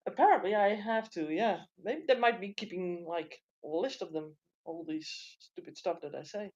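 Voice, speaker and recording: A woman's voice: mid-range voice, lively intonation, moderate pace, darkish tone, dull audio. A woman co-hosting a casual live panel, teasing wryly and reading viewer messages.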